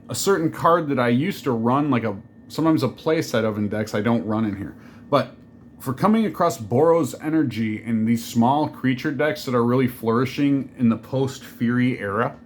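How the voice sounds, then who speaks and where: A man's voice: mid-range voice, a little hiss or hum. Rambling casual man explaining a card deck. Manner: rambling, jokey, full of fillers and digressions. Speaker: deck reviewer.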